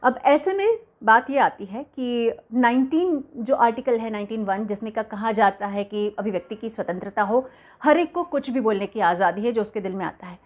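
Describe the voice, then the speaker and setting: Talking to camera from a room in her home, a woman in her forties presents entertainment news commentary. Her slightly high voice has a darkish tone and a moderate pace, and her delivery is earnest and measured, full of hesitations.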